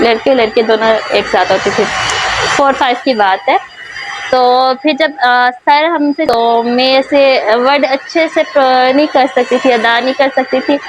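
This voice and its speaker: A woman's voice: high-pitched, noisy background. Breathless Pakistani woman vlogging. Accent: Pakistani Urdu. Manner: soft, rambling, many fillers. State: short of breath from a sore throat. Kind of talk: casual personal vlog.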